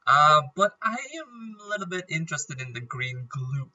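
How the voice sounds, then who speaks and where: Chatty gamer with a nagging cough. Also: male voice, fairly high pitch, animated, normal speed, sharp tone, far from the mic, lo-fi sound. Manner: rambling, chatty, often clearing his throat and coughing. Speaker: gaming YouTuber. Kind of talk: casual game commentary.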